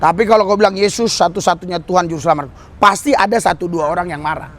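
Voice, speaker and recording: High-voiced man preaching with fervor. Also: fast, a bit bright, slight background noise. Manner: exhorting, calls for amen and hallelujah, addresses the crowd as "saudara". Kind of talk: sermon. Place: outdoor service under a bridge.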